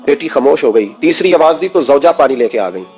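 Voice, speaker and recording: A man's voice: mid-range voice, expressive, darkish tone, breathy edge, faint music behind. A man preaching an emotional sermon, impassioned, firing rhetorical questions at his listeners.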